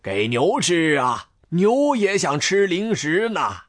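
A woman's voice: fairly low pitch, big pitch swings, slow pace, no echo, clean studio sound, pitched below the performer's own voice, full character voice. A woman voicing a kind, doting old grandfather in a storybook reading. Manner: warm, teasing, modest.

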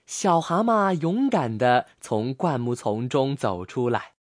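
Deep-voiced woman reading a storybook. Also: takes it slowly, dry recording, clean studio sound. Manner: expressive, lively reading.

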